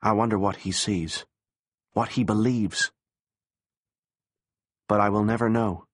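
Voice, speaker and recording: A man narrating an audiobook in a measured, somber manner. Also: fairly low pitch, fairly even intonation, no echo, studio quality. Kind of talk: scripted narration.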